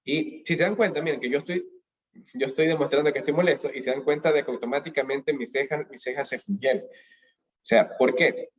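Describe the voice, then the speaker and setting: A man giving a motivational lecture on emotions at a business school, animated, asking questions and answering them himself, heard through a webcam on a video call. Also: a little high, fairly quick, lo-fi sound. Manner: animated, asks and answers his own questions. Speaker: speaker at a business school talk.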